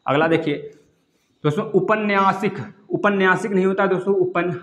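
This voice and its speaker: This man's voice is high, a bit bright, and a little fast as he teaches an exam-prep Hindi grammar lesson in an echoey room. Repeating each word, he quizzes the viewers and calls them his friends.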